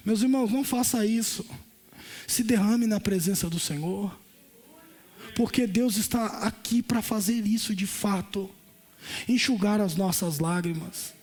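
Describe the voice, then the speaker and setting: Brazilian pentecostal pastor preaching in church, really high voice, goes loud then soft. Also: male voice, measured pace. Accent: Brazilian Portuguese. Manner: impassioned, swings between shouted and soft. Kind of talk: Pentecostal sermon. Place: church service.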